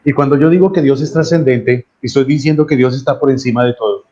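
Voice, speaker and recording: A man's voice: medium pitch, fast, warm tone, highs cut off. A man with a Colombian accent, a pastor preaching a sermon earnestly and repeating key phrases for emphasis.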